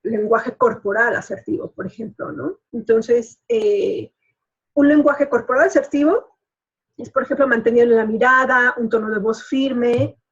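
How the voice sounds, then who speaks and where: A woman's voice: fairly high pitch, a little slow, breathy edge. A woman, a coach hosting a show, explaining in a chatty way with many fillers. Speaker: life coach and show host. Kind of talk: casual explanatory talk. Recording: dull lo-fi recording.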